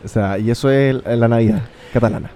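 A man from Chile, a chatty podcast guest who keeps up with quick short replies. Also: medium pitch, dark tone, clean tone. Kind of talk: casual podcast conversation.

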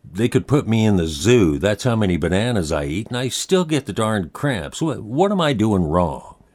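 Animated lowish-voiced male radio announcer. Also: moderate pace. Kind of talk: friendly radio show hosting.

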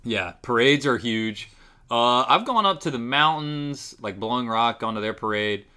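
A man's voice: medium pitch, animated, moderate pace, pushed and bright, clean tone. A man from North Carolina, hosting a casual podcast in an upbeat, laid-back way. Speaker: podcast host. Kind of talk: casual chat. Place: small local studio.

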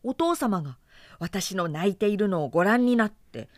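A young male storm god, voiced by a woman narrator pleads his case in a storybook reading. He speaks in quick, polite, earnest bursts with a lively pitch, and the sound is dry and close. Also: no echo, lightly acted. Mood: earnest pleading. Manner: polite, rapid pleading speech.

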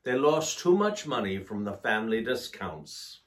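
A man co-hosting a casual chat, telling jokes in a playful, unhurried way. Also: heavy background noise. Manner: slow, playful joke-telling with lively pitch. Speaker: co-host.

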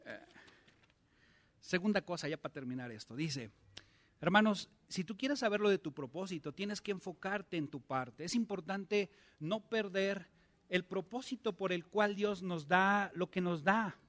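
High-voiced pastor preaching conversationally. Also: male voice, measured pace, a bit bright. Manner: conversational, asks the congregation many questions. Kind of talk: sermon.

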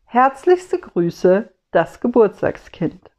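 A woman voicing a gentle, wistful Christ child who speaks in soft, earnest rhymes, on a slightly dull lo-fi recording. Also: medium pitch, sing-song, slow pace. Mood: hopeful.

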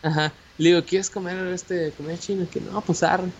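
A young man with a Mexican Spanish accent telling a personal story in casual chat, animated and slangy, with many fillers and restarts. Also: high-pitched, moderate pace, vocal fry. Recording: dull lo-fi audio with faint hiss.

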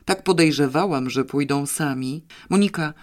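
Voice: medium pitch, normal speed, natural voice. A reader voicing a firm, scolding mother in an audiobook. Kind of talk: audiobook character voice.

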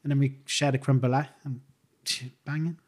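A man with a Birmingham accent, co-hosting a podcast in casual chat, enthusiastic and quick to laugh. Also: medium pitch, steady tone, darkish tone. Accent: Birmingham English. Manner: enthusiastic, laughs often, says "banging" and "mate". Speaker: podcast co-host.

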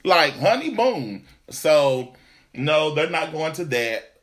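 A man in casual chat, a sassy storyteller whose pitch and loudness jump around as he talks. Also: very animated, takes it slowly.

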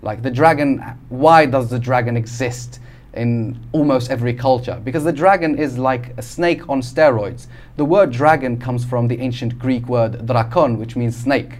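A man's voice: medium pitch, normal speed, darkish tone. Male podcast guest from Algeria, explanatory, casual, frequent restarts. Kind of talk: casual conversation.

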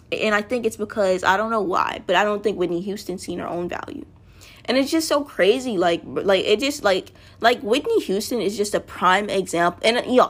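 A woman with a mid-range voice talks in a loose, unscripted monologue. She rambles, restarts her sentences and keeps turning to her listeners as if they were right there with her. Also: mid-range voice. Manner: rambling, self-correcting, often addresses listeners directly.

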